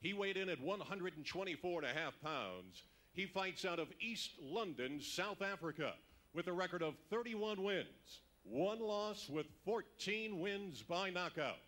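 A man working as a boxing ring announcer, his voice swinging widely in pitch as he booms out introductions. The tone is bright and forceful, pitched a little high, and he stretches the names for the arena. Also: sing-song. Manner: booming, drawn-out introductions. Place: arena ringside.

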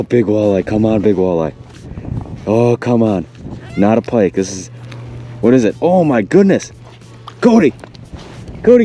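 A young man vlogging his fishing trip outdoors on a frozen lake, talking excitedly and laughing often into an action camera. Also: medium pitch. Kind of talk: excited outdoor vlog chat. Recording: outdoor wind noise on camera mic.

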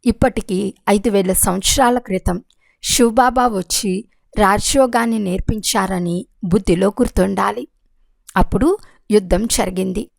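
A woman reading a religious discourse aloud in a steady, measured way. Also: mid-range voice, creaky, no echo. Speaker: reader of a spiritual discourse.

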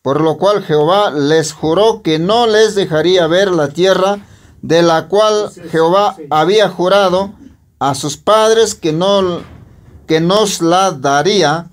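A man reading Bible verses aloud slowly and carefully during a church service. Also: sits high. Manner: slow, measured reading. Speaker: scripture reader.

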